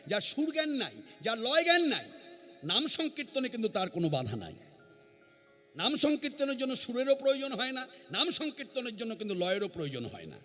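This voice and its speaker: High-voiced, lively man preaching. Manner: earnest, emphatic, repeats key phrases. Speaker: kirtan singer and preacher. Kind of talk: devotional sermon at a gathering. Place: standing before an assembly.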